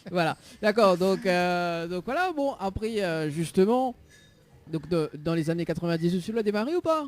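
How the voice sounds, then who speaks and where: High-voiced radio host. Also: male voice, lively intonation, moderate pace. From Réunion. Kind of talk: casual radio interview.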